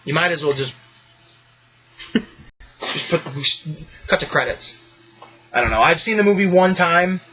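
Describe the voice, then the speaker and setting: A man hosts a podcast in loose, rambling conversation, swearing freely and breaking into bursts of enthusiasm. His voice sits a touch high and sounds bright and forceful. The recording is muffled and lo-fi. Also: lively intonation, moderate pace. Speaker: podcast host. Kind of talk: casual chat.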